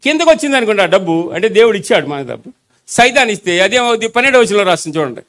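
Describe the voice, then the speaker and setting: A man's voice: sits high, sing-song, racing, fairly bright tone. A man preaching a sermon in a Telugu accent, urging the congregation to repeat after him. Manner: exhorting the congregation to repeat aloud. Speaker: pastor.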